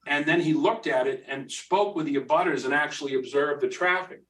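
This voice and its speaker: A man's voice: fairly high pitch, a little fast, a bit bright, far from the mic, poor audio. A man giving a heated public comment at a planning board hearing, with many fillers and restarts. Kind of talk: public comment at a town meeting. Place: town meeting room.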